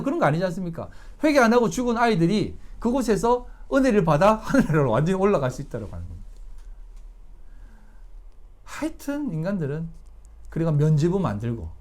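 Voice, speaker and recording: Lively-pitched pastor preaching emphatically. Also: male voice. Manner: emphatic, asks the congregation rhetorical questions. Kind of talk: Sunday sermon. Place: church service.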